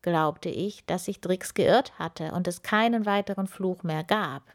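A woman voicing a gaunt, grumpy old male wizard who talks slowly and gruffly. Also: on the low side. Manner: slow, gruff grumbling.

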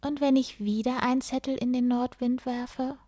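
A woman's voice: high-pitched, steady tone, normal speed, warm tone, voice pushed up. A woman reading a storybook aloud and voicing a timid young boy with a small, hesitant voice, raised well above her own. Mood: hopeful.

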